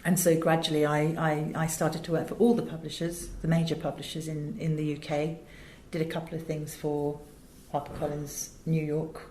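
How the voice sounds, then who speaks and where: A darkish, low-pitched female voice holds a level tone at a moderate pace, with few pauses. The speaker, a middle-aged audiobook director and producer from England with a British accent, answers interview questions in a conversational style, telling stories emphatically and adding asides. Echo and faint noise are audible.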